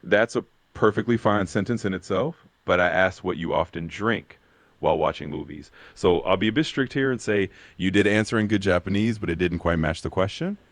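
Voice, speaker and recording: A man's voice: low-pitched, brisk, dry recording. A man tutoring Japanese, asking practice questions and explaining with encouraging feedback.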